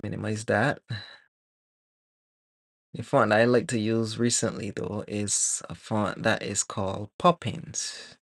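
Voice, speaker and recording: A man from Barbados, streaming live as a 3D artist, chatting casually and thinking aloud with many pauses and fillers while he works. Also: on the low side, vocal fry, no room sound, clean studio sound. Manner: relaxed, rambling, thinks aloud with many ums.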